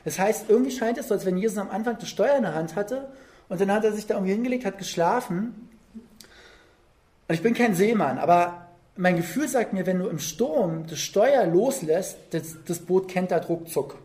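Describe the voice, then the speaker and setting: A preacher talks through a Bible passage in a loose, chatty way, painting the scene with lively storytelling. The delivery is informal and full of small check-in questions to the listeners. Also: medium pitch, normal speed. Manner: conversational, vivid storytelling with tag questions. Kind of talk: sermon.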